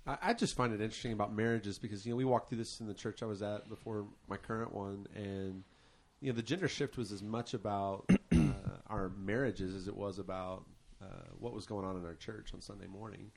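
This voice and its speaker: A man's voice: on the low side, steady tone, fairly quick, gravelly, hardly any pauses, a little mellow, slight background noise. A man, a pastor, joining a podcast chat and talking earnestly in long run-on stretches. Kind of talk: casual chat.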